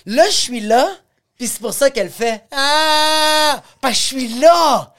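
A man with a Québécois accent chatting casually on a podcast, telling lively stories and acting out other people's voices. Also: extremely high pitch, normal speed. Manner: animated storyteller, acts out voices, slangy. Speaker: podcast host. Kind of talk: casual chat.

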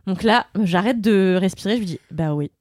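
A woman's voice: medium pitch, fairly quick, darkish tone, dry recording. A woman, co-hosting a podcast and telling a self-mocking anecdote in casual chat. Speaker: podcast co-host. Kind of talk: casual group chat, storytelling.

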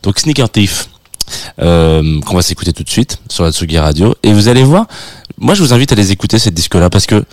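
A low-pitched male radio host talking casually on air from a studio microphone. He stumbles and restarts often, hunting for the right word. The sound is dry and close. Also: expressive, fast, darkish tone, dry recording. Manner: hesitant, many restarts while searching for words. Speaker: radio host presenting records.

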